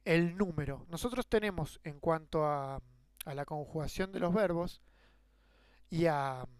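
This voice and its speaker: A man's voice: sits high, a little mellow, smooth, dry recording. A man with a Rioplatense Spanish accent giving a grammar lesson, explaining with rhetorical questions and worked examples. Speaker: teacher. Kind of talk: grammar lecture.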